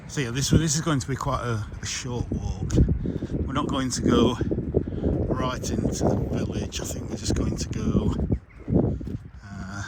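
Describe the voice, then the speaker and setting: A man's voice: mid-range voice, lively intonation, a little slow. A man chatting casually while walking through parkland, thinking aloud with fillers, recorded on a camera mic. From England. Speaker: walking vlogger. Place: outdoors in open parkland. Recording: loud wind noise on outdoor mic. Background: wind.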